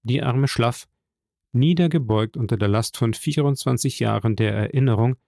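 A man narrating a classic novel as an audiobook, in a measured, deliberate reading. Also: medium pitch, vocal fry, warm tone, no room sound, clean studio sound. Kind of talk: scripted literary narration.

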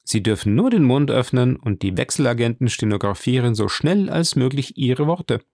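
A man's voice: medium pitch, lively intonation, moderate pace, a little mellow, no room sound, clean studio sound. A man voicing an earnest young vicomte in an audiobook, raising his voice to play him. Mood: eager. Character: young eager male vicomte.

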